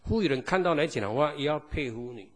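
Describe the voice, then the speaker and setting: A man's voice: a little high, expressive, fast. A man preaching a sermon as pastor, peppering the congregation with rhetorical questions. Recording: long hall reverb.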